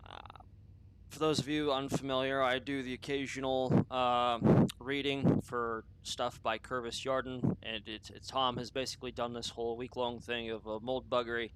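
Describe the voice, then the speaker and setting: This podcast host talks at a moderate pace in a mid-range, level voice over some background noise. His unscripted opinion show is a rambling, profane monologue, full of restarts, tangents and self-interruptions.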